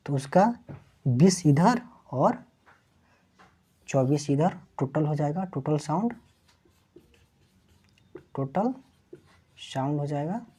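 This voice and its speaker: A woman's voice: low voice, warm tone, slightly rough. A woman teaching an English lesson, explaining letter sounds and asking her students questions, then repeating each answer.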